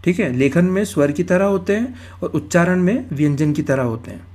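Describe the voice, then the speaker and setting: A man's voice: high voice, animated, brisk, darkish tone. A male Hindi grammar teacher giving an exam-prep lecture, explaining step by step, repeating key terms and asking and answering his own questions.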